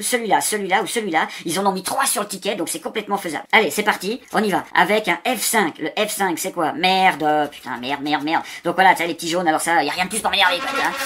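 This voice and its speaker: A man's voice: high voice, fairly bright tone. A man chatting casually and swearing freely as he scratches lottery tickets in a vlog.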